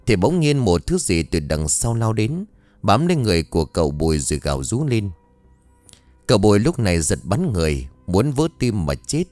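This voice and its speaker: A man narrates an audio story in a low voice full of lively pitch movement. The sound is dry and close, with faint music behind him. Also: no echo.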